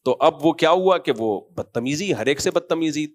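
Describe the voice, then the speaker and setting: A man's voice: fairly high pitch, lively intonation, moderate pace. A man giving a conversational religious talk, telling anecdotes and jokes and acting out the dialogue in different voices. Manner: storytelling, acts out dialogue in different voices, chuckles. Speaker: Islamic scholar giving a talk.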